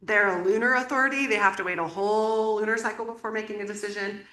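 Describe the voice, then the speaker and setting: A woman's voice: medium pitch, fairly even intonation, quick pace, fairly bright tone. A woman teaching a small group in a casual, chatty way, laughing often and using many fillers. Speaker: workshop teacher. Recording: echoey room.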